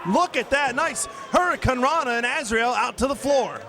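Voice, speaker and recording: A man calling a live wrestling match play-by-play in excitable, exclamatory bursts. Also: extremely high pitch, moderate pace. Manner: excitable, exclamatory calls of the action. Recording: noisy arena with loud crowd behind. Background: crowd noise of a live wrestling show.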